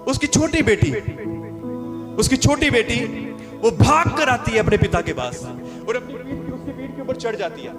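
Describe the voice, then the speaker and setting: A man preaching a sermon to a seated congregation, telling a story, repeating lines and having the people say them back, then rising to shouted praise. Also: very high voice, animated, moderate pace, over loud music. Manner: acts out the characters' quoted lines. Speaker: pastor. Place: church hall with seated congregation.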